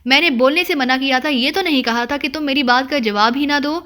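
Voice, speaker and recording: Bossy yelling spy boss guy, read by a woman, high bright voice, audiobook. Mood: furious. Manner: shouting, hot-tempered, bossy. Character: angry bullying male spy chief, shouts.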